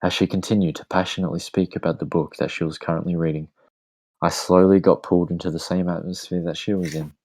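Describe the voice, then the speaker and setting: Deep-voiced man reading a story. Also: little pitch movement, quick pace, darkish tone, rough recording. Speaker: podcast host. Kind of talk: reading a romance story aloud.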